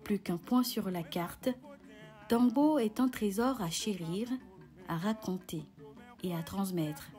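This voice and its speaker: A woman reading a scripted television report voice-over in a measured, polished way. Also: mid-range voice. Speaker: voice-over narrator. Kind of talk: scripted narration. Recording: music bed under voice.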